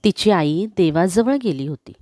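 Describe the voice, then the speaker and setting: A woman narrating a classic story in a slow, expressive reading. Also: lowish voice, dry recording, clean studio sound.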